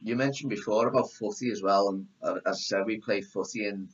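Male host, trainer, low relaxed voice, casual, muffled lo-fi recording. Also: brisk, breathy edge. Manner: relaxed, repeats words, lots of "like". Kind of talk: casual podcast chat. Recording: dull lo-fi audio.

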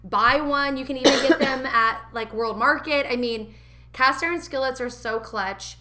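A woman's voice: high voice, moderate pace, bright, forceful tone. A woman co-hosting a casual chat, giggly and talkative, recommending kitchen gear from a home kitchen. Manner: chatty, giggly, recommends products. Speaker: podcast co-host.

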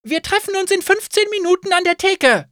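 A male narrator voicing a brisk, tough female innkeeper who gives loud orders to her guests, in a dry studio audiobook. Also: high-pitched, sing-song, no echo, pitched above the performer's own voice. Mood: shouting. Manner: loud, commanding.

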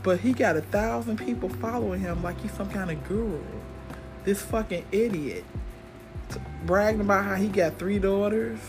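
A middle-aged American woman talks off the cuff as a solo podcast host, with music clearly playing behind her. Her voice sits at a medium-to-low pitch for a woman, and her delivery is blunt and cynical. She rambles casually and swears freely. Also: normal speed.

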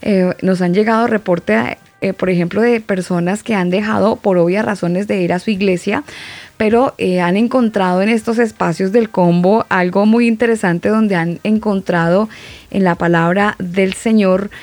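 A woman hosting a relaxed online talk show, playful and quick to laugh. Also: medium pitch, no echo. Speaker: host. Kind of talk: casual chat.

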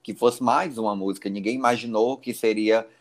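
A man co-hosting a podcast, explaining things in a measured casual chat. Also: fairly low pitch, fairly even intonation. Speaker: podcast co-host.

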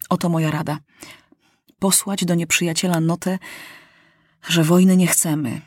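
A cautious older prime minister from a storybook, voiced by the narrator, speaking calmly and persuasively at an unhurried pace. The sound is close and dry. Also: mid-range voice, no echo. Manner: calm and persuasive.

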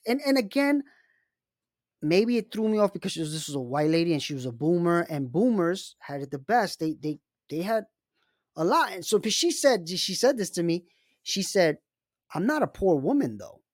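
A man's voice: sits high, animated, normal speed, no echo. Emphatic man talking money, dry sound. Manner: emphatic and conversational, with frequent asides to the listener. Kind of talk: casual monologue with storytelling.

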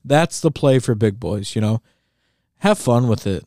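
A man's voice: medium pitch, expressive, unhurried, mellow, no room sound, clean studio sound. A young man co-hosting a podcast, joking about himself in casual chat. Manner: joking, self-deprecating. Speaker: podcast co-host.

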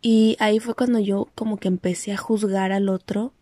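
A woman's voice: mid-range voice, steady tone, moderate pace, mellow, dry recording. A woman from Mexico with a Mexican accent, telling a personal story in a casual monologue, full of fillers and restarts. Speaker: podcast host.

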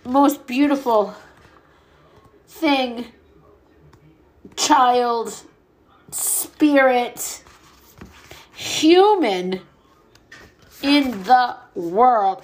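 A middle-aged woman speaking openly about grief, blunt and mouthy, swearing freely, emotional and at times short of breath. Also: fairly high pitch. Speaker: podcast host. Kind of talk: personal grief monologue.

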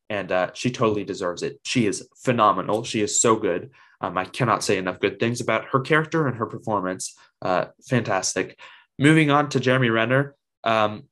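A man's voice: lowish voice, a bit bright. A man reviewing a TV episode in a casual video, praising it with enthusiasm and lots of ums.

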